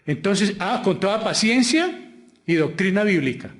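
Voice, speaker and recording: A man with a Colombian Spanish accent delivers a sermon as pastor. His voice sits a little high for a man, and he drives the message with rhetorical questions. He swings between loud, emphatic lines and quiet asides. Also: expressive, measured pace.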